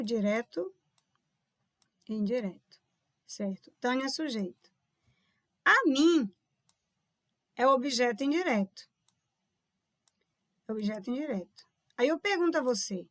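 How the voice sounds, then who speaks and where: A high-pitched woman with a Brazilian accent teaches grammar in an explanatory way and keeps checking that her viewers follow. Her voice is recorded close up in a dry room with no echo. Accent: Brazilian Portuguese. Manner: explanatory, keeps checking in with "tá vendo?" and calls viewers "povo lindo". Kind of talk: online grammar lesson solving exam questions.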